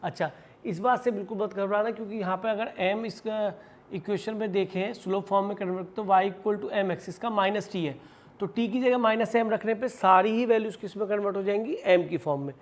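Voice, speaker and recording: A man's voice: high voice, brisk. A man teaching maths in a classroom lecture, explaining step by step, asking and answering his own questions, and calling students "beta" as he mixes English math terms into his talk with an Indian accent. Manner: addresses students affectionately as "beta"; switches between Hindi and English math terms.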